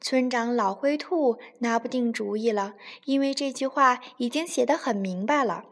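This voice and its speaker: A woman telling a children's bedtime story in a gentle, expressive way. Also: on the high side, normal speed.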